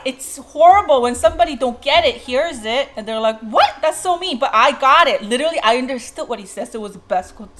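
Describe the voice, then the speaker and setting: A woman's voice: high voice, a little fast, a bit bright. A woman vlogger chatting casually while eating, rambling through a story and laughing easily. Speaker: mukbang vlogger.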